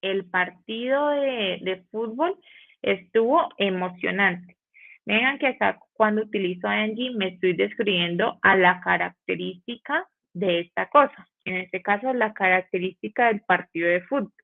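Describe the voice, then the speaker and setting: A woman teaching an online English grammar lesson in Spanish with a Colombian accent, slowing down to model English phrases and asking the class rhetorical questions. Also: mid-range voice, creaky. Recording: phone-like narrow band.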